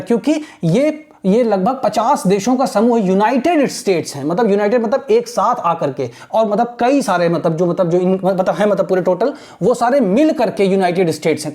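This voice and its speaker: A woman with an Indian accent teaches English from a newspaper editorial. Her voice is mellow and warm. She reads each English sentence slowly and deliberately, then breaks it down, checking in again and again with "theek hai na". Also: medium pitch. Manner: slow deliberate reading of English lines, explaining with a repeated "theek hai na". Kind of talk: editorial reading lesson.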